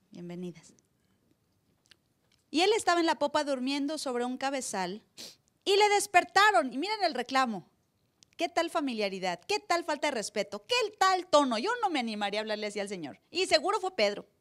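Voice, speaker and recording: A woman pastor preaching a sermon live in church, acting out voices with sudden loud cries. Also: high-pitched, big pitch swings, fairly quick.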